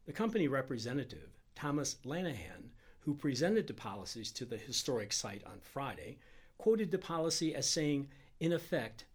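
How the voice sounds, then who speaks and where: A man reading a short story aloud as a scripted narration, in a dramatic, expressive way. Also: medium pitch, slightly rough. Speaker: reader.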